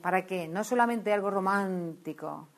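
A woman with a Spain Spanish accent delivering a sermon. Her voice sits at a middle pitch, and she tells her story in an animated way, often restarting her sentences. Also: normal speed. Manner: animated, storytelling, self-interrupting. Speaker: women's ministry speaker.

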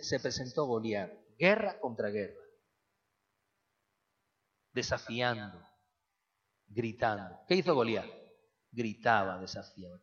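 A man delivers a sermon, firing off rhetorical questions and swinging between hushed, low passages and loud, emphatic ones. The high frequencies in the recording are cut off.

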